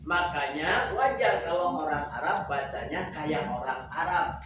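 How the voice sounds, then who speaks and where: A man from Java teaching a Quran recitation class, joking with students and chanting verses slowly for them to repeat. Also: fairly high pitch. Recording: echoey room from far off, background noise.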